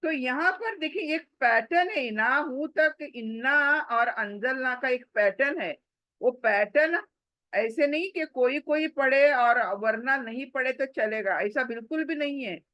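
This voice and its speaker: A woman's voice: high voice, measured pace, bright, forceful tone, no echo, dull audio. A woman teaching Quran recitation step by step, patiently explaining the rules and stretching and repeating sounds to demonstrate them. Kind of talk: step-by-step pronunciation lesson.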